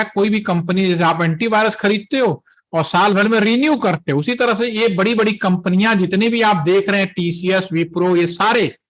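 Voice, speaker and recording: Man teaching networking step by step. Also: high-pitched. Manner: explains step by step, checks in often with "theek hai". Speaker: instructor. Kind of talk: technical lecture for trainees.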